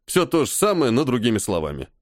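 An irritable, commanding army colonel, as a male audiobook reader puts him on, sarcastic and tired of his subordinate. His pitch swings widely between lines, and the voice sits dry and close with no room around it. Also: huge pitch swings, quick pace, no echo. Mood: irritated. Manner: sarcastic, commanding, weary sighs. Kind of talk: audiobook character voice.

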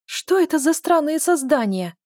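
Woman doing a squeaky, naive young princess. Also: very animated, moderate pace, darkish tone, dry recording, studio quality. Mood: shrill. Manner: squeaky high-pitched questions.

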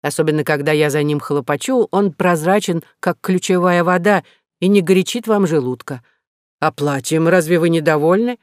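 A man's voice: on the high side, moderate pace, no echo, clean studio sound, close to an everyday voice. Man doing a sensible old housekeeper. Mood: persuading. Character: elderly woman housekeeper Janilla, practical and devoted.

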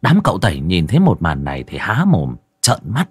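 A man narrating a ghost story in a lively, dramatic way. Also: sits low, fairly quick, slightly rough, no room sound.

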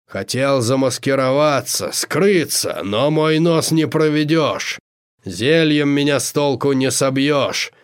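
Man playing strange old creature, grumpy, huge nose, very slow, booming, a bit distant, storybook. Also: lively intonation, clear, resonant tone. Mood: pompous.

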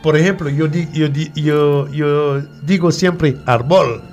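French-native male teacher, slow and deliberate, fairly high voice, letter-by-letter drills, faint music bed. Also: a little mellow. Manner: slow, repeats letters and words for pronunciation drills. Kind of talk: radio French lesson.

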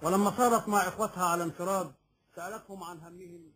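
A man's voice: sits high, steady tone, fast, fairly bright tone. A man performing as an Arabic café storyteller, declaiming a folk epic in a singsong manner. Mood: brisk, declamatory. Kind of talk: Arabic café storyteller, sung verse and rhymed narration. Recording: music under the voice.

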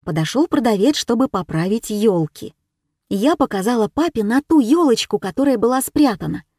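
A woman reading a children's story aloud in the first person, unhurried and warm. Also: on the high side, lively intonation, no echo, studio quality. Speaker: narrator.

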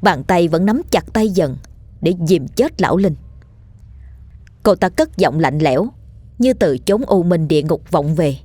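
A woman reading a ghost story in an even, measured way. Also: lowish voice, husky, no echo. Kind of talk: scripted ghost story narration.

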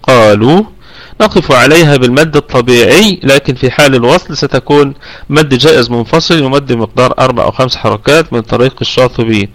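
Egyptian sheikh teaching tajweed slowly. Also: male voice, medium pitch, fairly bright tone, no echo, low-quality recording. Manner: explains slowly, stretching out the words he demonstrates; frequent drawn "aah" fillers between points. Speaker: Quran recitation teacher. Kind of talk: online tajweed lesson.

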